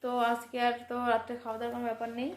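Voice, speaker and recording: A woman's voice: a little high, monotone, very fast. A woman vlogging casually from her home, chatting directly to her viewers with frequent tag questions. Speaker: home vlogger and private tutor.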